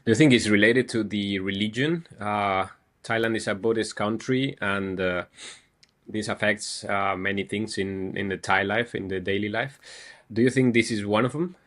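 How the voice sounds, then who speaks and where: A man's voice: on the low side, steady tone, moderate pace, a bit bright. A man from Europe hosting a casual interview and asking friendly questions. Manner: friendly, asks questions with fillers. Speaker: host.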